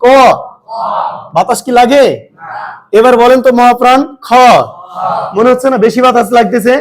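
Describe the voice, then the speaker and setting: A man's voice: extremely high pitch, fairly even intonation, fast talker. A man teaching a grammar lesson, asking his students questions and answering them himself.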